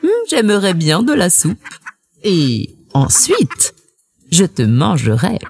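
A woman voicing a greedy, gullible big bad wolf in a children's storybook reading, with a growly, drawn-out grumble. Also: on the low side, huge pitch swings, a little mellow, husky, faint music behind, heavily acted.

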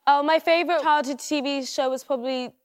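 A woman's voice: high-pitched, steady tone, brisk. A young woman playing a game show contestant who talks in a blunt, casual way.

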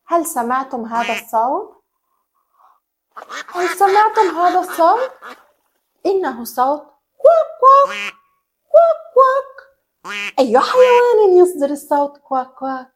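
A young woman teaching small children in an animated, sing-song way, imitating animal sounds. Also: high voice, normal speed, long pauses. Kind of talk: children's educational lesson.

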